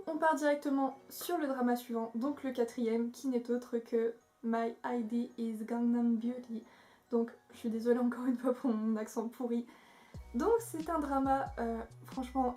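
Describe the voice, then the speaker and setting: A woman's voice: fairly high pitch, dark tone. A young woman, chatting enthusiastically as she recommends her favourite series, with many fillers. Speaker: video creator. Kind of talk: casual spoken review.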